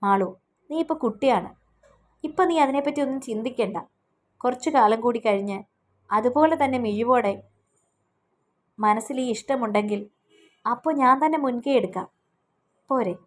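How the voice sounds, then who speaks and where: A woman voicing a calm, gently serious young man in a read-aloud romance story, in a measured, reassuring way. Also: a little high, lightly acted.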